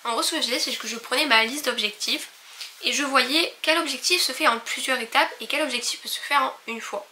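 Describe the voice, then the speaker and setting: Young woman vlogger, casual and rambling, clear forceful tone, recorded at home. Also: high-pitched, a little fast, slight background noise. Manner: chatty, many fillers and restarts. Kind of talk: casual vlog chat. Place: her own apartment bedroom.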